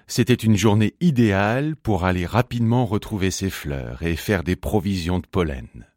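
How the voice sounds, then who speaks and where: Male narrator for a children's story: unhurried, singsong and lively in pitch, dry sound. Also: no echo.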